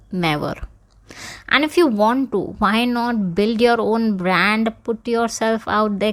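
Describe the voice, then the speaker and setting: A young woman with an Indian English accent hosts her own podcast, delivering a candid, casual monologue and slipping into Hindi mid-sentence. Her medium-pitched voice sounds out of breath, with no echo.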